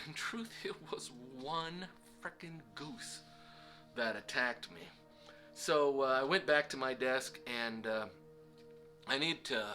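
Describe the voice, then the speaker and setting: Bright-voiced middle-aged man telling a story. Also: mid-range voice. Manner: rambling, self-deprecating, many fillers. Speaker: vlog host. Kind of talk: casual storytelling.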